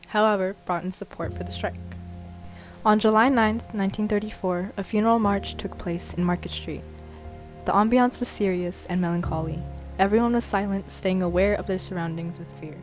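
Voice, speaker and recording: A woman's voice: mid-range voice, fairly even intonation, normal speed, soft background music, low-quality recording. A woman narrating a student history documentary, reading evenly from a script.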